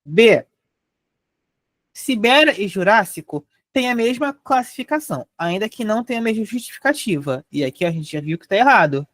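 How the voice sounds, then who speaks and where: A young Brazilian woman teaching a live online grammar lesson, explaining step by step and spelling out syllables slowly. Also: medium pitch, lively intonation, no echo. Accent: Brazilian Portuguese.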